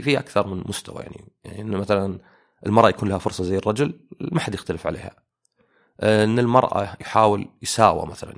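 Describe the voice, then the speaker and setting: A man's voice: fairly low pitch, gravelly. A young man, giving a casual, argumentative monologue full of fillers. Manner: rambling, argumentative, many fillers. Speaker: commentator.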